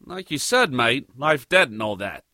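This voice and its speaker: An actor playing a cheeky, boastful adventurer who speaks with an Australian accent and a lot of slang. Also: male voice, mid-range voice, big pitch swings, normal speed, sharp tone, dry recording, clean studio sound. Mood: cocky. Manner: brash, joking, full of slang. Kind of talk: audio drama acting.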